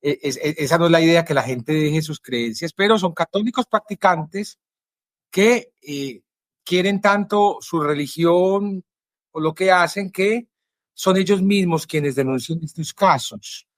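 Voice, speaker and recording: A man's voice: on the high side, dry recording. Earnest Colombian man interviewing, dry sound. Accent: Colombian Spanish. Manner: measured, earnest, with frequent "eh" pauses. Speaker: journalist and interviewer. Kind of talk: introducing a guest and asking questions.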